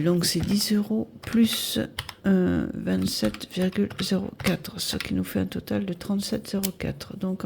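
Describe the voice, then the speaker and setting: A woman in her fifties talking casually to camera through her weekly budget, a bit nasal, chatty and hesitant, filling pauses while she adds up sums aloud. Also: medium pitch, creaky, mellow, slight background noise. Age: 50s. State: nasal from air conditioning. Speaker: budget vlogger.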